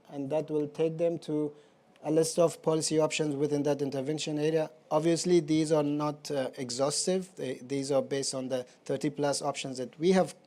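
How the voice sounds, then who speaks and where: Man presenting, mellow slightly raised voice, walks through a website step by step. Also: a little high.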